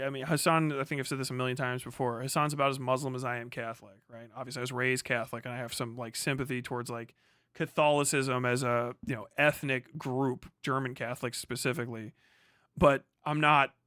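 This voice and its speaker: An American man runs a livestream, casually reading and replying to chat in a rambling, slangy, profane way. His medium-pitched voice has a fairly bright tone, recorded at studio quality with no room sound.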